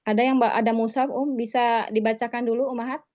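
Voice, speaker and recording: A woman's voice: fairly high pitch, fairly even intonation, quick pace, a little mellow. Female religious teacher on a slightly muffled call. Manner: conversational, tags phrases with 'gitu ya'. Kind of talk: online religious study lesson. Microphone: video call.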